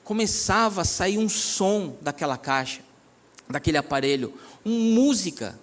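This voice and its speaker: A pastor with a fairly high voice tells his testimony. He speaks earnestly and conversationally. He often turns to his listeners and calls them "my brother". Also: expressive, moderate pace. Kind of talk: personal testimony preaching.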